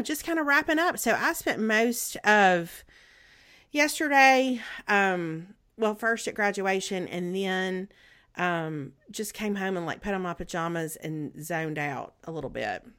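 A middle-aged woman with a Southern US accent chatting casually as a podcast co-host, in a rambling, halting way. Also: medium pitch, animated, fairly bright tone. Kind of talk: casual chat.

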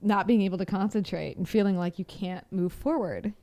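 A woman's voice: mid-range voice, fairly quick, mellow. A woman co-hosting a podcast in casual conversation. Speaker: podcast co-host.

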